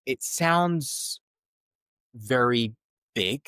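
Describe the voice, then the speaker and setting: A man's voice: medium pitch, expressive, drawn-out words, bright, forceful tone, clean tone, dry recording, studio quality. A man hosting a podcast conversation, thoughtful and searching as he frames his questions. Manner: thoughtful, searching, many fillers and restarts. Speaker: podcast host.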